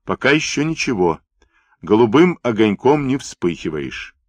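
A man's voice: medium pitch, very animated, a little slow, no echo. Man reading as a weary, curt young midshipman. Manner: tired, curt and sharp.

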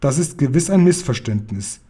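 A man voicing a brisk, self-assured young girl who explains things firmly in a storybook reading. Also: medium pitch, expressive, mellow, slightly rough.

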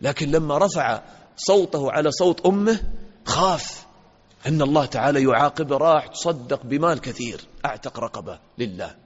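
A man's voice: fairly high pitch, animated, brisk, husky. A man giving an interactive religious lesson to children, asking questions, praising answers and acting out little dialogues. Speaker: sheikh teaching children. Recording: dull lo-fi audio in a reverberant hall.

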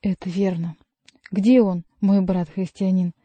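A woman voicing a loud, blustering, drunken male monk who begs and bellows, reading a storybook aloud. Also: medium pitch, steady tone, measured pace, no echo, natural voice. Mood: bellowing. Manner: loud and pleading.

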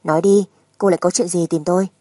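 A woman narrator acts out a surly gambler husband in a dramatic audiobook. The voice is low-leaning and husky. He is crude, sneering and spiteful, with menace under the mockery. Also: steady tone, fast, warm tone, no room sound, clean studio sound, lightly acted. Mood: brusque.

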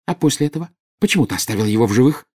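A man's voice: medium pitch, animated, very fast, a little mellow, slightly rough, voice pushed up. A man voicing a furious, jealous witch in an audiobook, bursting out in scornful, indignant retorts.

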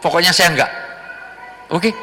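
A man voicing a greedy, lying young man who shouts in excited high exclamations and gives shifty denials. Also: a little slow, exaggerated voice. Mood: evasive. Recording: long hall reverb.

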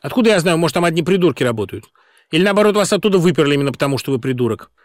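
A man doing a shrill furious woman boss. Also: lively intonation, rapid-fire, no room sound, studio quality, lightly acted. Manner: screeching, furious, then frantic on the phone. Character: shrill quarrelsome woman company director.

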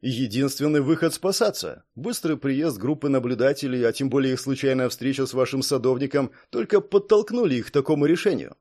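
A man reading aloud, voicing a calm, shrewd male analyst who lays out his reasoning in a measured way. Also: medium pitch. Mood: thoughtful. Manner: thoughtful, measured.

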